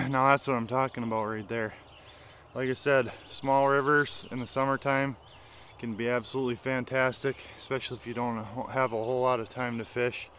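His voice is medium-pitched and a bit bright, with little pitch movement and a normal speed, over a little hiss or hum. He's a man in his thirties vlogging casually outdoors on a small river bank and in a canoe, chatty and enthusiastic, explaining while he fishes.

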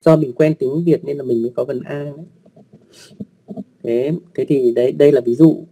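A man's voice: medium pitch, steady tone, normal speed, creaky, warm tone, slightly rough. A man teaching an online lesson on writing rules, speaking patiently with polite particles, frequent fillers and repeated words.

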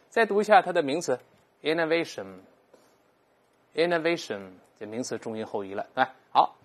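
Husky vocab teacher, animated pitch, slow clear repeats of each word. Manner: explains patiently, repeats English words aloud slowly for learners. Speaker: English teacher. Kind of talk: recorded vocabulary lesson.

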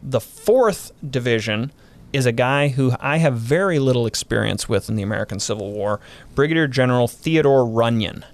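A man's voice: medium pitch, expressive, moderate pace. Man explaining history in detail. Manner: detailed explaining, listing units and dates. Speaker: historian guest. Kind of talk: casual podcast history talk.

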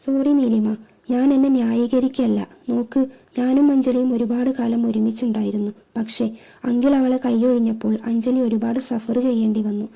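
A woman voicing a guilty young man on the phone, hurried and apologetic. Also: fairly high pitch, fairly even intonation, gravelly, mellow. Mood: pleading.

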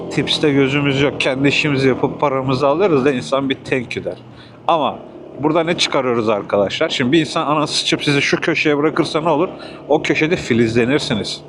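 A man's voice: mid-range voice, background noise. A man from Turkey delivering food by motorbike and ranting in a casual vlog, irritated, swearing and sarcastic. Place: outdoors on a motorbike in city traffic.

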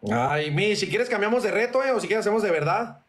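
A young man with a Mexican accent chats casually during a livestream. His voice is fairly high, and his talk is full of slang. He stops often to thank viewers for their gifts. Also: lively intonation, fairly quick, fairly bright tone. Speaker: streamer.

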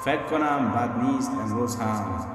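A man's voice: mid-range voice, far from the mic, lightly acted. A man voicing a scheming young girl who talks in a coaxing, honeyed way. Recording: echoey long reverb with music.

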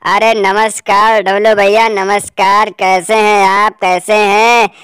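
A woman voicing a friendly, polite male elephant in a toy story, speaking slowly. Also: flat delivery, fairly bright tone, smooth, no room sound, studio quality. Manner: slow, polite, deeper.

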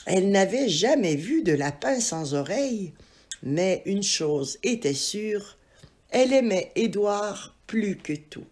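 Slow, husky woman reading a storybook. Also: medium pitch. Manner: expressive, animated storytelling. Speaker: narrator.

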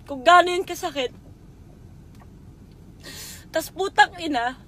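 Tearful high-voiced young woman. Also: fairly bright tone. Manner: tearful, swearing, heated. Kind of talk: emotional Facebook live confession. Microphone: phone.

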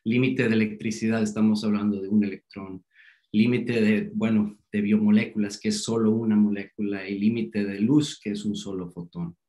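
Over a video call, a man delivers a casual scientific guest lecture full of fillers, especially "este." His voice sits on the low side, with a level tone, moderate pace, and mellow quality.

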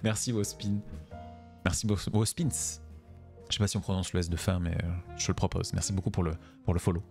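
A man's voice: low-pitched, fairly even intonation, racing, vocal fry, a little mellow, soft background music. A man casually commenting on a video game while streaming, chatty and jokey, thanking viewers by name. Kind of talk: casual let's-play commentary.

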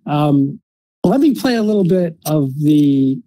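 Halting man in casual case discussion, mellow. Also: on the high side, expressive, dry recording, rough recording. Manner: halting, hesitant, repeats words mid-sentence. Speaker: podcast host.

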